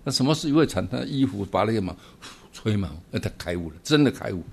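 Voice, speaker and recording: A man giving a Buddhist dharma talk, animated and asking his listeners rhetorical questions. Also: fairly low pitch, fast, gravelly, slightly rough. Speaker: Buddhist teacher.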